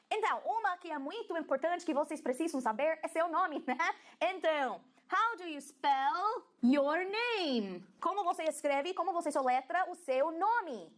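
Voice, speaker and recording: A woman teaching an English lesson in a casual, playful way, drilling letters aloud and laughing at her own slips, with Portuguese as her first language. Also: high voice.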